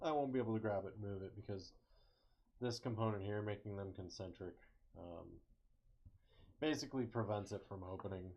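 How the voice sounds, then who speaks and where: Relaxed young man talking through CAD steps. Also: lowish voice, brisk, pauses often. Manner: relaxed, thinks aloud, self-corrects, light jokes. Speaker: engineering student. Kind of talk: casual screen-recorded CAD walkthrough. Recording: slightly muffled lo-fi mic.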